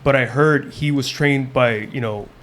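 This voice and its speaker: A man's voice: mid-range voice, measured pace, a bit bright. Blunt, intense man with frequent restarts. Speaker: wrestler and coach. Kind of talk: casual interview chat.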